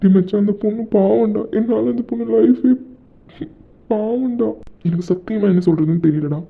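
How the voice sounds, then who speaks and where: A man's voice: high-pitched, normal speed, vocal fry. A man voicing Ranjith, a guilt-ridden young man who keeps begging his friend's forgiveness, in an amateur audio drama. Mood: pleading. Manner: pleading, apologetic. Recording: tinny phone-like recording.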